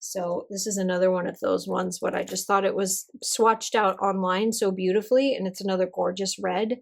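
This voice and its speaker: Swatching inks at her desk, the stationery vlogger chats casually and jokes at her own expense. She talks at a normal speed in a mid-range voice that's a little hoarse from a cold.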